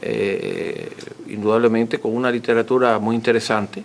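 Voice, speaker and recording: A man's voice: lowish voice, fairly even intonation, moderate pace, creaky, a little hiss or hum. A man gives an extempore scholarly talk as a lecturer, teaching courteously and repeating points for emphasis. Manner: didactic, emphatic repetition, courteous. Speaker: author and lecturer answering audience questions.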